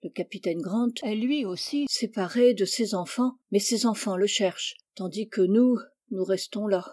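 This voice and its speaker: A restless, tomboyish teenage girl who says what she thinks, voiced by a woman reading a storybook. She talks in a brisk, outspoken way. The recording is dry and close. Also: medium pitch, a little mellow, dry recording, natural voice. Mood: grumbling.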